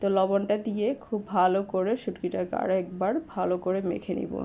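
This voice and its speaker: Woman calmly walking through a recipe. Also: medium pitch, moderate pace, creaky, slight background noise. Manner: steady step-by-step explaining, mixes English fillers. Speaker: cooking channel host. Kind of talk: voice-over cooking tutorial.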